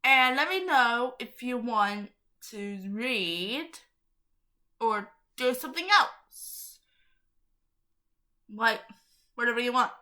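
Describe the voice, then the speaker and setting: A woman's voice: on the high side, lively intonation, takes it slowly, long pauses, sharp tone. A woman hosting her own channel, reading aloud to viewers in a casual, chatty way, giggling often and getting easily sidetracked. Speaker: channel host.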